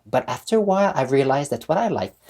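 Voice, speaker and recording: A man in his sixties, a native French speaker with a French-Canadian accent, hosts his channel and gives an earnest motivational talk to camera. His fairly high, slightly mellow voice is sing-song and fast, emphatic, repeating key words.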